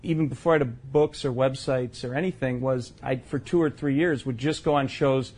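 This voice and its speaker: A man talks as a guest on a podcast. His voice sits at a middle pitch, and he speaks in a plain, matter-of-fact way while making his case. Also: fairly even intonation, moderate pace, darkish tone, husky. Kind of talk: casual chat.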